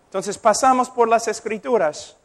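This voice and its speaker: A man's voice: very high-pitched, moderate pace. A middle-aged man preaching as a pastor, earnest and emphatic, telling stories through retold conversations. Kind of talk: sermon.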